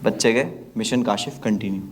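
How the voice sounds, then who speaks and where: A man telling a comic story on stage, animated and acting out the people in it with big jumps in his voice. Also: a little fast. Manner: animated, acts out characters with big pitch jumps. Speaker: stand-up comedian. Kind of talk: stand-up storytelling. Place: comedy stage before a live audience. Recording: stage mic with loud crowd laughter and noise.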